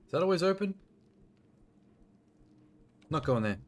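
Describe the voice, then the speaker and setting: A man's voice: on the high side, expressive, unhurried, a little hiss or hum. A man giving casual, nervous commentary to himself while playing a horror game. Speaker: video game streamer.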